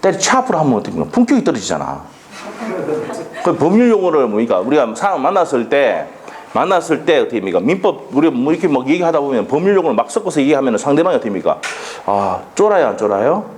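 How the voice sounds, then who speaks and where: A man's voice: medium pitch, big pitch swings, very fast, darkish tone, a little hiss or hum. A man lecturing on law for an exam, quizzing students with rhetorical questions and blunt dialect jokes.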